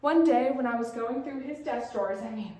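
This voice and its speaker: A teenage girl with a high voice performs a dramatic monologue for competition. She moves from bright, playful storytelling to hushed, fearful passages. The sound is roomy and echoey. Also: a little fast. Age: teens. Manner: shifts between bright storytelling and hushed dread. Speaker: student competitor.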